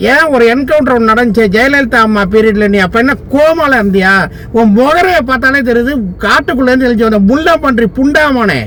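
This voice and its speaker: A man's voice: extremely high pitch, a bit bright, slight background noise. A man from Tamil Nadu, a lawyer, delivering a furious, abusive political rant full of insults.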